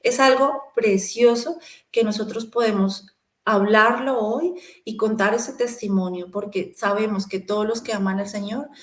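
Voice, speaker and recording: A woman giving a sermon-style Bible teaching, encouraging and speaking straight to the listener, pausing with fillers as she looks up verses. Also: medium pitch, echoey room. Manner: encouraging, addresses the listener directly.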